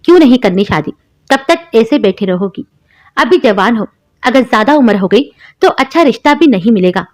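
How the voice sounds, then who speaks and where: Woman doing a harsh sister-in-law, taunting, spiteful, higher voice, cartoon story. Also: animated, normal speed, natural voice. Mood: urging. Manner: sharp, taunting.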